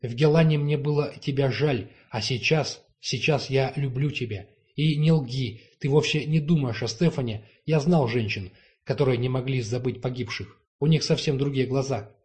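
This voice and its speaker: A man's voice: mid-range voice, normal speed, a little mellow, close to an everyday voice. A man reading the lines of a passionate young duke in an audiobook, heated and insistent. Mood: ardent.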